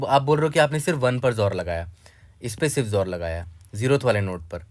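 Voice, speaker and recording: A man in the middle of his pitch range walks viewers through a coding problem step by step. He talks conversationally, keeps asking if things are clear, and drops in technical terms. The recording is close and dry, with no room echo. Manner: conversational, repeats "ठीक है" often and addresses the viewer directly. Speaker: coding tutor. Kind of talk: explaining a coding problem on a whiteboard.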